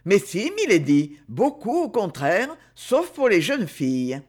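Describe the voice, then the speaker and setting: Man reading a young duke, proud, calm, dry irony, varied lilt, storybook. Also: high voice, a little slow, heavily acted. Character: proud ironic young duke, aloof and grave.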